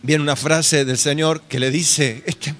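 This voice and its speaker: A man's voice: fairly high pitch, fairly even intonation, unhurried, a bit bright. A male pastor with an Argentine accent giving an earnest sermon and often calling his listeners brother. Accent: Argentine Spanish.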